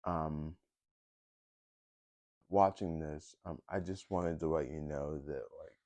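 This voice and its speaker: Hesitant deep-voiced young man, dry sound. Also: steady tone, takes it slowly, a little mellow, no echo. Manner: hesitant, many fillers and restarts. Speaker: vlogger. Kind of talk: casual personal vlog.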